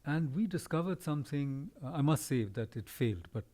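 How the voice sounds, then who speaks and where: A man hosting a podcast conversation, talking in a thoughtful, discursive way and gently pushing back on his guest. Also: a little high, animated, a little fast. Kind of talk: reflective conversation.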